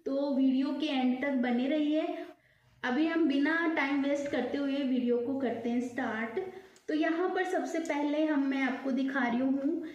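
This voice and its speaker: Woman, high voice, slow step-by-step demonstration vlog, echoey indoor room. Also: steady tone, a little mellow, lo-fi sound. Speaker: vlogger.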